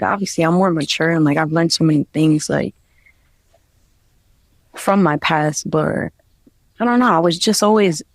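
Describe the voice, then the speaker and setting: A young woman from New Jersey, USA, speaks in a fairly low voice with no room sound. She's a guest artist in a casual interview, rambling and using plenty of fillers.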